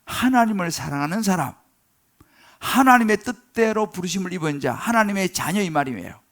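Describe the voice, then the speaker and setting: A middle-aged male pastor delivers a sermon in a slightly high, gravelly voice. He drags out key words and pushes them louder and higher. Between those peaks he slips into a chatty storytelling manner full of fillers and tag questions. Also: lively intonation, normal speed. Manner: swells loud and high on key words, drawn out.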